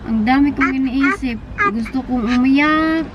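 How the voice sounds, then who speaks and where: A woman's voice: high-pitched, a little slow, muffled recording, a crowd in the background. A woman with a Filipino accent chatting casually to her viewers in a family vlog, speaking to the camera from her phone between moments with her kids. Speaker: family vlogger. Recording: roomy, distant phone mic with background noise.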